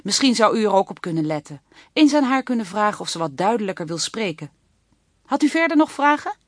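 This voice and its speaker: A woman's voice: mid-range voice, very animated, fairly quick, no echo, clean studio sound. A woman reading an audiobook, voicing a female schoolteacher who speaks politely but curtly at a parents' evening. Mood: dismissive. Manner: polite but curt, matter-of-fact. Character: a brisk, formal female schoolteacher.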